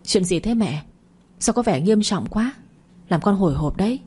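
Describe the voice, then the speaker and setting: A woman's voice: mid-range voice, animated, moderate pace, darkish tone, husky. A woman voicing a sly young adopted daughter with a sour, falsely innocent way of talking. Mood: feigned innocence.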